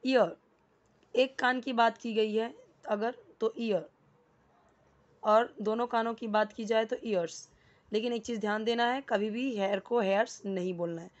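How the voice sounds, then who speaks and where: Woman teacher, fairly high voice, patient, repeats herself, muffled lo-fi sound. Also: fairly even intonation, a little slow. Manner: patient, repeats words, checks with "ठीक है". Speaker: English teacher. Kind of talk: casual Hindi explanatory lesson.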